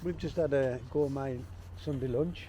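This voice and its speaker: A man's voice: mid-range voice, moderate pace. A British man vlogging in casual, laid-back conversation with informal phrasing. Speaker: travel vlogger. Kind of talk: casual chat to camera. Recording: location sound with faint noise.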